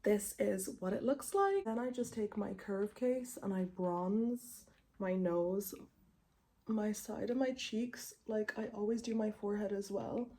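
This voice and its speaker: A woman's voice: mid-range voice, a little slow, warm tone. A woman in her twenties chatting casually through a makeup tutorial, rambling informally, with a tongue piercing that clicks as she talks. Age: 20s. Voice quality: tongue piercing clicking faintly against teeth. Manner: informal, rambling, frequent filler "like". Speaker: beauty vlogger.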